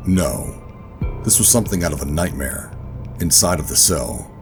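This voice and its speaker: With music clearly under him, an extremely deep-voiced man plays a brooding, world-weary government operative in a sci-fi horror audio drama. He tells the story in a guarded, deliberate way with lively intonation, and the mood is ominous and tense.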